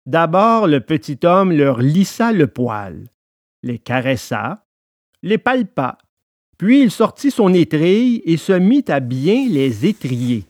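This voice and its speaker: A man narrating a storybook in an expressive, lively way. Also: on the high side, slow pace, dry recording, studio quality.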